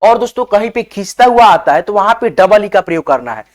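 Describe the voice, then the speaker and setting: Man slowly spelling words for learners. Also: high-pitched, expressive. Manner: often says "okay, friends". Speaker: English teacher. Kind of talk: online spelling lesson.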